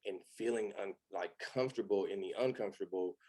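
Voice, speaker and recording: A man's voice: fairly low pitch, a little fast, dark tone. A man from Los Angeles in his thirties, a podcast guest talking candidly in a loose, rambling way with many fillers. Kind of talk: casual chat.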